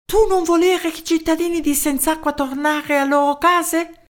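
An eccentric male inventor from abroad, put on by a woman reading a storybook. He talks slowly in broken, simplified Italian, his voice lifted well above the reader's own. The lines rise and fall with lively pitch. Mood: didactic. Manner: broken Italian, halting and slow.

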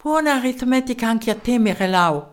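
An eccentric male inventor from abroad, put on by a woman reading a storybook. He talks slowly in broken, simplified Italian, his voice lifted well above the reader's own. The lines rise and fall with lively pitch. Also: close to an everyday voice. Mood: polite, eager. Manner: broken Italian, halting and slow.

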